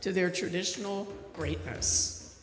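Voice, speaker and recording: A woman reading a passage at a church service in a slow, deliberate way. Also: on the low side, loud music behind the voice. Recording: distant mic in a reverberant hall.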